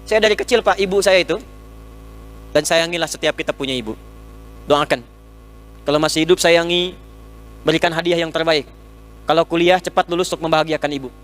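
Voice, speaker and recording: A man's voice: a little high, brisk, long pauses, fairly bright tone. A man preaching a humorous sermon to an audience, teaching with everyday examples and jokes, speaking into a microphone. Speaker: Islamic preacher. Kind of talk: humorous sermon lecture with questions and answers.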